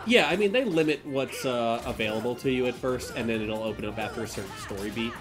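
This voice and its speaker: Animated man chatting over a game. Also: mid-range voice, fast talker, music in the background. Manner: animated, rambling. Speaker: livestream co-host. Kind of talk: casual gaming chat.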